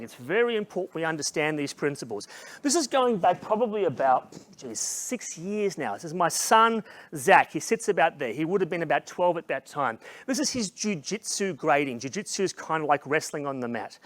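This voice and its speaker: A middle-aged man giving a motivational keynote talk, telling a story with passion and dropping to a hushed voice in its emotional moments. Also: fairly high pitch, dry recording. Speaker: keynote speaker.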